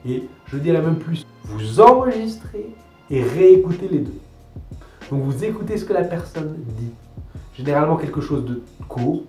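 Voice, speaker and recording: A man's voice: on the high side, dark tone. A young French man coaching viewers on pronunciation, talking in an emphatic, teacherly way and repeating key points. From France. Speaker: language coach. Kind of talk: talking-head language advice video. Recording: echoey room with light guitar music.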